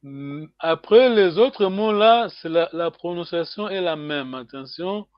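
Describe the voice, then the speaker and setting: A man teaching an online language class, speaking slowly and deliberately and slipping in English words. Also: fairly high pitch, expressive, no echo, dull audio.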